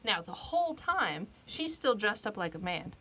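A woman co-hosting a podcast, casually retelling a story with lively acted-out quotes. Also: mid-range voice, moderate pace, husky. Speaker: podcast co-host.

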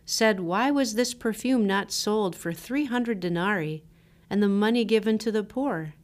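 Using measured, deliberate phrasing, a woman pastor with a medium-pitched voice reads scripture and a reflection in a scripted devotional style.

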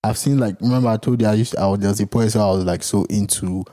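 A young man chats as a podcast co-host. His voice is very mellow and fairly low. He talks casually and slangily, as if to a close buddy on the couch. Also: steady tone, racing. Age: young adult. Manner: slangy, buddy-like, punctuated with "bro" and "you know". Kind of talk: casual chat. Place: home studio, seated on a couch.

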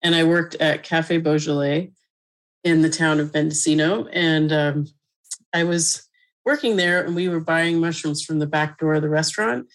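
A middle-aged woman from Colorado, a mushroom expert guest, chatting in a relaxed way with lots of fillers and frequent laughter. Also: deep voice, normal speed, low-quality recording. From Colorado, USA. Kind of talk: casual interview conversation.

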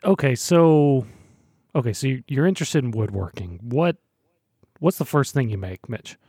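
A man's voice: mid-range voice, animated, moderate pace, warm tone, breathy edge, no room sound, clean studio sound. A young man co-hosting a casual podcast, teasing his co-host and laughing often.

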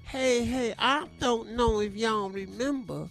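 Man putting on smooth flashy pimp swagger. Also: very high voice, slow, over music, heavily acted. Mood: boastful, playful. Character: smooth flashy pimp sports commentator, laid-back and swaggering. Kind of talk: comedic radio banter.

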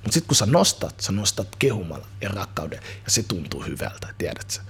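Man, 30s, very husky, lowish voice, slangy casual interview guest, energetic and rambling. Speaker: guest, musician and youth football coach.

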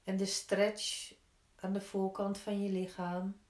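A woman teaching yin yoga, guiding gently step by step with unhurried pauses between instructions. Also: medium pitch, completely flat delivery. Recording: roomy, echoing indoor sound.

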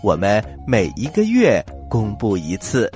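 Highly animated male children's storyteller. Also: measured pace. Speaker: children's storyteller and show host. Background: faint music.

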